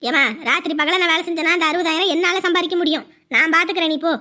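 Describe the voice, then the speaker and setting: An actress playing a stubborn young wife who answers in short, firm, low replies in a family drama. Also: female voice, steady tone, fast talker, sharp tone. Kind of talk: village family drama acting.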